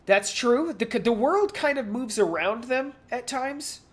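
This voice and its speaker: A podcast co-host chats casually and off the cuff about pop culture. At an ordinary middle pitch, unhurried and with lively intonation, he's hesitant and rambling, circling back over words.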